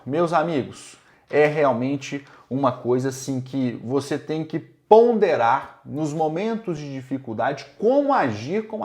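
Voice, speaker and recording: A man's voice: on the high side, darkish tone. A man with a Brazilian accent hosting informal football commentary, speaking to fans in an emphatic, conversational way. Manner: emphatic, conversational, often checking with tags. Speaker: football commentator and show host.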